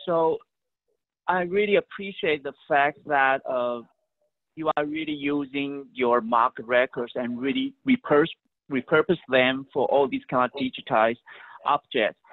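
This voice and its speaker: A man's voice: medium pitch, unhurried, dry recording. A man co-hosting a conference session, moderating questions in an appreciative, conversational way. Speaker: session co-host. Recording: tinny, dry phone-like line.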